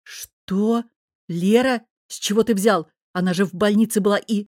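A woman voicing a proud, hurt young man who snaps and shouts, in an audiobook. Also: lowish voice, moderate pace, no room sound, clean studio sound, close to an everyday voice. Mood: shaken. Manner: agitated, snapping. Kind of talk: audiobook character voice.

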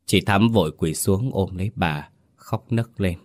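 A man narrating a ghost story in a steady, dramatic way. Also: sits low, unhurried.

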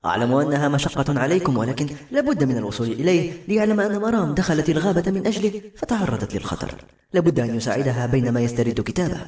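A man's voice: on the high side, expressive, very fast, a little mellow, lightly acted. A man reading the part of an anxious, wise queen in an audiobook story, speaking earnestly. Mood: urgent. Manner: worried, earnest. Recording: roomy echo, faint music.

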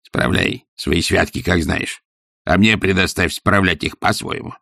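A stingy, scornful old miser who mutters and growls every word, as a man puts him on. The voice is gravelly and low, and it sits close and dry. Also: moderate pace, a bit bright, no echo, heavily acted. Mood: grumbling. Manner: muttering, growled and half-whispered.

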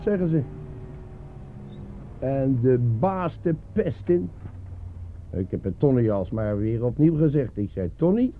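In an old radio play with narrow-band sound and faint noise, a man plays a chatty, grumbling, resigned working-class taxi driver. His voice sits on the high side, lightly acted, garrulous, colloquial and shrugging.

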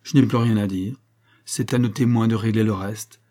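A proud man cornered into a duel, scornful and defiant, as the reader gives him voice in a storybook. The tone is low and mellow with a husky edge. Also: steady tone, normal speed, natural voice.

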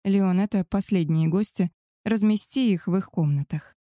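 A woman voicing a composed male werewolf who explains the house rules in a measured, formal way. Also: mid-range voice, warm tone, dry recording, clean studio sound, natural voice.

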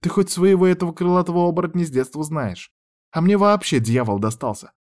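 A man voicing a sharp-tongued young witch woman who is bitter and frightened. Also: on the high side, brisk, pitched above the performer's own voice, natural voice. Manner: bitter, hissing, bold.

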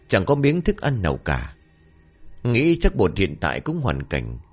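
A man narrating a spooky village ghost story in an expressive, dramatic way. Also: lowish voice. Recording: faint background music.

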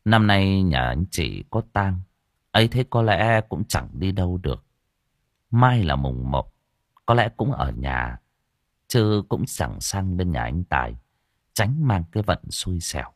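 Husky, expressive male storyteller. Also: sits low, a little slow, dry recording, studio quality. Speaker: audiobook narrator. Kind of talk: storytelling narration. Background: faint background music.

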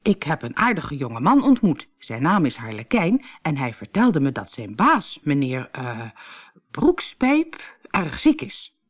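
A woman's voice: deep voice, big pitch swings, a little slow, husky, full character voice. A woman voicing a cheeky young man who poses as a pompous doctor in a storybook, mock-solemn and hesitant.

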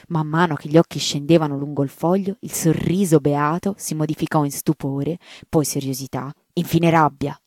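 A woman reading a serialized story aloud for radio in a measured, theatrical way. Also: sits low, mellow, dry recording, studio quality. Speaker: story reader.

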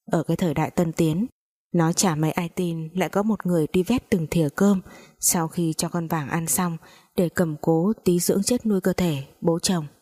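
A woman narrating a sad first-person story in a calm, somber way. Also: on the low side, moderate pace.

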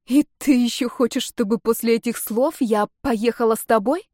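A woman reading a story, voicing a jealous, stubborn young woman in love with a raised, louder voice. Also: on the high side, lively intonation, moderate pace, no echo, clean studio sound, close to an everyday voice. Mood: indignant. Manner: teasing and stubborn.

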